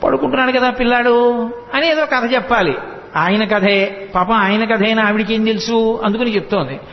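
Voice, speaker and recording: A man's voice: very high voice, brisk, a little hiss or hum. A man giving a devotional discourse, telling the story with animation and chanting verses in a sing-song tone. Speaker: spiritual discourse speaker. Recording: echoey hall, dull lo-fi sound.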